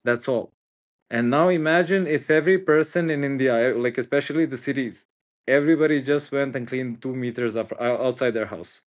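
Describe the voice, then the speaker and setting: A man's voice: mid-range voice, fairly quick, muffled recording. A man, a guest in a casual interview, talking hesitantly with many fillers and restarts. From Serbia.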